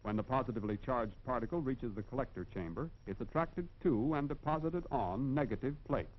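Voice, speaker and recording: Narrating in the manner of a 1940s educational industrial film, an American man speaks at a medium pitch with measured emphasis, formal and instructive. The audio is dull and band-limited, like an old film soundtrack.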